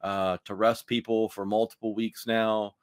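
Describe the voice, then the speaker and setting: A man's voice: fairly low pitch, level tone, unhurried, no room sound, clean studio sound. A man co-hosting a casual sports podcast, rambling and ranting with heavy use of "like". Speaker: podcast co-host.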